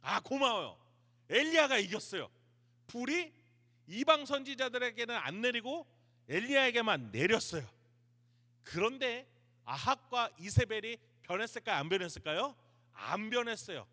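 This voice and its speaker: A man preaching a youth service sermon, animated, acting out the words of biblical figures. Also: extremely high pitch, normal speed. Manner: animated, acts out quotes of Elijah and God. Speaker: pastor. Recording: reverberant church hall.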